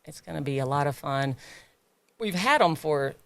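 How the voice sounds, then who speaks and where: A woman's voice: low-pitched, lively intonation, normal speed, vocal fry, no echo. A woman who owns a gym, chatting in a podcast interview, laughing often and getting emotional about her members. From United States. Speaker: gym owner and trainer.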